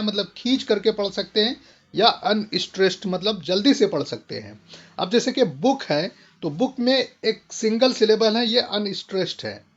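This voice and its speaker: A man with a high voice explains a grammar point as a video lesson. He reads each definition slowly and carefully before going back to his usual explaining pace. The recording sounds dull and lo-fi. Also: fairly bright tone. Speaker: English teacher.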